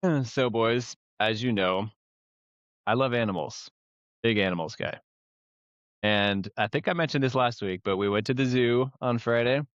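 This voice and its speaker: A man's voice: mid-range voice, moderate pace, dry recording, lo-fi sound. A young man hosting a casual podcast chat, running a trivia quiz and laughing often. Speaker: podcast host.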